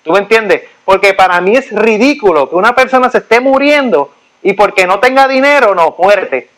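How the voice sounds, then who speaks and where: Man, high voice, animated casual storyteller who repeats himself. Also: moderate pace, rough recording. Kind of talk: casual chat. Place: United States.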